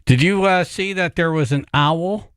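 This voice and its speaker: A man's voice: fairly high pitch, moderate pace, fairly bright tone, a little hiss or hum. A man hosting a morning radio show, chatting in a dry, self-mocking way into a studio microphone. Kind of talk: casual morning radio banter.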